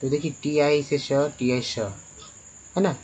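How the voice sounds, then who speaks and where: A man teaching English pronunciation as a spoken lesson. He spells words letter by letter, slowly and with many repeats. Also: fairly high pitch, steady tone, a little mellow, a little hiss or hum, poor audio.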